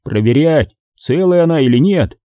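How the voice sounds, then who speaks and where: A man's voice: a little high, animated, normal speed, no room sound, phone-quality sound, pitched above the performer's own voice, natural voice. A man voicing a hot-tempered young soldier who speaks in heated, threatening bursts. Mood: heated threats.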